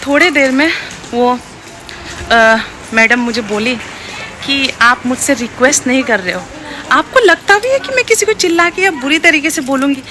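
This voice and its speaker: A woman's voice: high-pitched, background noise. A young woman from Arunachal Pradesh vlogging casually, indignant and chatty, slipping English phrases into her talk. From Arunachal Pradesh, India. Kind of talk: casual vlog narration. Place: outdoors and in a supermarket. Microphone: handheld phone camera.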